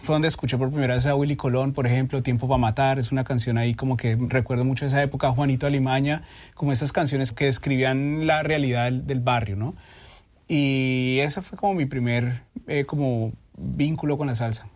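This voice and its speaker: A man with a Colombian accent, a guest talking casually in a studio interview, relaxed and thoughtful with frequent tag questions. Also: mid-range voice, a little fast. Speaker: guest, DJ and festival co-organizer.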